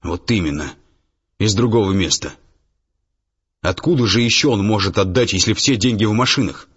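A man's voice: on the low side, normal speed, a bit bright, breathy edge. A man voicing an irritated male businessman who presses for answers. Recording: dull lo-fi audiobook, faint music.

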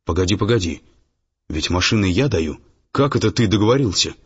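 A man's voice: low voice, animated, fairly quick, slightly rough, exaggerated voice. A man voicing an irritated male businessman who presses for answers. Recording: dull lo-fi audiobook, faint music.

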